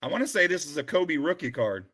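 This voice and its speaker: A man streaming live as he sorts through a collection, calling out names with bursts of excitement and then dropping into quiet muttered asides. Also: on the high side, fast. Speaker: sports card streamer opening a collection. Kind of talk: live-stream commentary while sorting cards.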